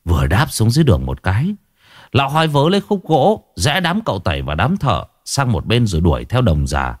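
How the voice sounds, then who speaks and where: Lively male storyteller. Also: medium pitch, fairly quick. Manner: vivid, comic storytelling. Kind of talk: scripted story narration.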